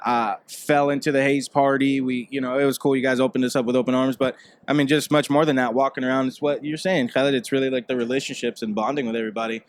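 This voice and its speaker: A man hosts a casual podcast chat at a trade expo, talking quickly in a laid-back, friendly way and laughing often. His voice sounds dry and close, with no room around it. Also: mid-range voice, little pitch movement, clear, resonant tone, no room sound. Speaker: podcast host.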